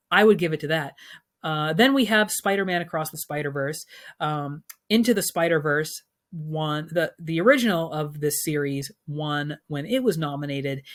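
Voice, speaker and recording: A man runs through his film award picks in a relaxed, chatty vlog. He is opinionated and enthusiastic, and his talk is loose and filled with ums and uhs. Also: on the high side. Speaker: film commentator.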